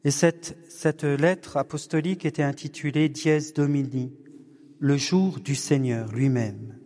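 Male parish evening leader, slightly high voice, very unhurried delivery, recorded in a reverberant hall. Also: steady tone. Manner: slow, measured and gently humorous. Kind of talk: leading a parish discussion evening. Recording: long hall reverb, distant room mic.

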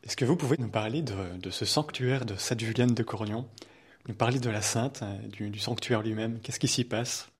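Husky young male radio host. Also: medium pitch, moderate pace. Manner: clear, scripted introductions. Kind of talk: radio show hosting.

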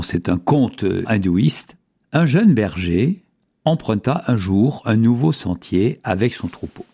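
Male storyteller, slow, expressive pitch, measured moralising tone. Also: breathy edge. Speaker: storyteller and columnist. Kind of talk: storytelling narration.

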